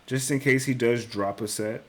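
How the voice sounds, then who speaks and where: At a normal speed, a young man speaks in a medium-pitched, steady, fairly bright voice while hosting a casual solo rundown of sports picks. He muses aloud, fixes his own mistakes, lets a curse slip now and then, and peppers his talk with bro and dude.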